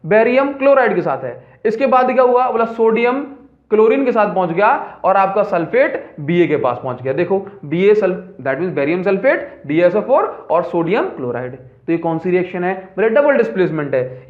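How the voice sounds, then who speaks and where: A man with a high, bright-sitting voice teaches a school science class, chatting and coaxing his students with question after question. The sound is dull and lo-fi, with a roomy echo around him. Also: lively intonation, fairly quick. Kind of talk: classroom lesson. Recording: echoey room, dull lo-fi sound.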